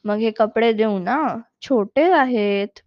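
A woman voicing a patient, gentle mother who speaks to her small daughter in a soothing, reasoning way in a storybook reading. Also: fairly high pitch, takes it slowly, dry recording. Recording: dull lo-fi recording.

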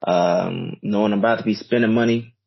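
A man co-hosting a podcast, telling rambling, relaxed stories over an echoey internet call. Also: on the low side, fairly quick, creaky, husky, muffled recording. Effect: internet call audio with echo. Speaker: podcast co-host and DJ. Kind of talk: casual chat. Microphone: internet video call.

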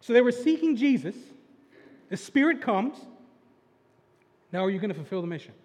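A young male pastor gives a casual, conversational sermon, peppering it with "like" and "right?" and getting excited as he retells the story. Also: sits high, normal speed. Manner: relaxed slangy delivery with frequent "like" and "right?" asides; gets excited and loud while retelling the story. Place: large church sanctuary. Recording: long church hall reverb.

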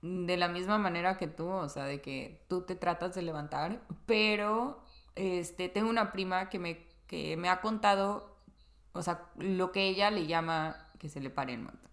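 A young woman with a Mexican Spanish accent, co-hosting a podcast in casual chat, relaxed and slangy as she reacts and adds her own story. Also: on the low side, a little slow. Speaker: podcast co-host.

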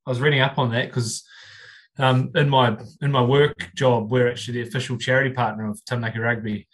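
A man's voice: mid-range voice, level tone, quick pace, poor audio. Easygoing chat from a New Zealand man. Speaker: podcast guest. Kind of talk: casual chat.

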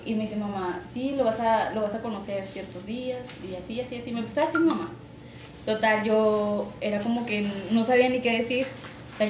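A young Mexican woman with a Mexican accent telling a personal story on a podcast, emotional and chatty, laughing often. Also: fairly high pitch. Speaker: podcast guest. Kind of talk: casual storytelling. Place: office. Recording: echoey office, muffled, noisy.

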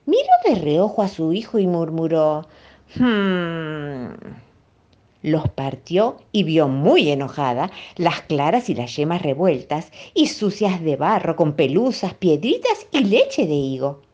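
A woman with a Rioplatense accent reading a children's story aloud in an expressive, playful manner. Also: low voice, measured pace, few pauses. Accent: Rioplatense Spanish. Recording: dull lo-fi recording.

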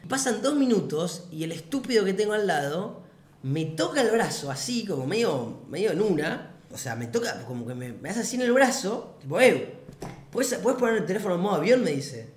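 A man's voice: sits high, very animated, moderate pace, slight background noise. Slangy Rioplatense young man, echoey room. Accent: Rioplatense Spanish. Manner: slangy, profane, laid-back. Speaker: vlogger. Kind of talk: casual anecdote storytelling.

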